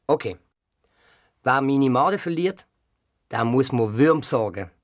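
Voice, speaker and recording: A reader with a Swiss German accent voicing a stern, gruff old grandfather in a children's audio story, speaking slower and lower than the narration. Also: animated, dry recording, clean studio sound, lightly acted.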